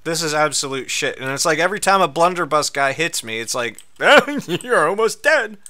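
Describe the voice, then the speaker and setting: A man's voice: a little high, brisk, sharp tone, smooth. A man streaming a game with a friend, swearing a lot and yelping when startled. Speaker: gaming streamer. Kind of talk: casual gameplay chat.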